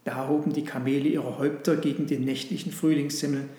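A man narrating a storybook read-aloud in a calm, even storytelling manner. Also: mid-range voice, fast talker. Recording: roomy echo.

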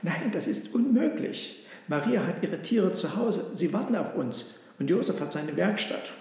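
A man's voice: high-pitched, lively intonation, unhurried, a little mellow, pitched above the performer's own voice. A man doing a proud little storybook donkey. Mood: firm. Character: small proud cheerful male donkey. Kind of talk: storybook reading. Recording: echoey hall, long reverb.

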